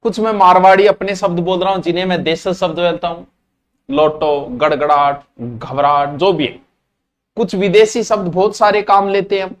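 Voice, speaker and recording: A middle-aged man with a Rajasthani accent giving a casual, jokey classroom lecture, slipping into Marwari asides. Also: sits high. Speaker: teacher.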